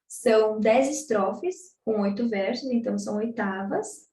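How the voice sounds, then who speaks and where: A young Brazilian woman reads verses slowly and then talks through them in a relaxed study tone. Her voice is mellow and fairly high. She sits a little back from the mic in a roomy, echoey space. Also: recorded from a distance, a little hiss or hum. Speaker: student reading and explaining poems. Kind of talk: poetry reading with study commentary. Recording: roomy echo, voice a bit off mic.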